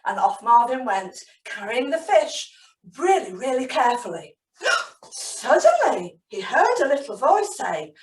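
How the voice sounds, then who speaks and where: Animated, high-voiced storytelling woman. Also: unhurried. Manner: animated and sing-song. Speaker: storyteller and early-years trainer. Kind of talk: webinar storytelling and teaching. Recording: roomy sound from a distant mic.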